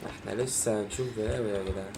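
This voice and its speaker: A man's voice: on the low side, fairly even intonation, very fast, creaky, background noise. A man with an Egyptian Arabic accent giving casual, chatty commentary on a horror game, often addressing his viewers. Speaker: gaming video host.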